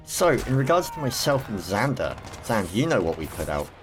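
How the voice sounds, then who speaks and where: A man hosting a casual gaming podcast, chatty and rambling with quick asides. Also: on the low side, sing-song, soft background music. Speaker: podcast host. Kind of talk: casual chat.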